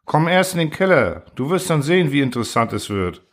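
A man voicing a sly, gleeful male robot constructor who mocks and coaxes in a raised, lively voice. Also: fairly high pitch, a little fast, voice pushed up. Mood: coaxing. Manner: mocking, cheerful cruelty.

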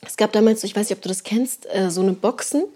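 A woman's voice: mid-range voice, fast, dark tone. A young woman telling a long personal story in a casual podcast chat, rambling with lots of fillers and slang tags. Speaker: podcast co-host.

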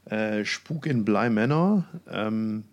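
A male podcast co-host chats casually, often hesitating while he hunts for words. His voice is lowish and expressive, his pace slow, and the recording muffled.

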